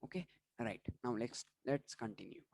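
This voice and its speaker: A man's voice: mid-range voice, lively intonation, normal speed, creaky, darkish tone, dry recording, poor audio. A man going through exam questions and answers for students in an online revision lesson, often restarting words and apologizing for slips. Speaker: online tutor.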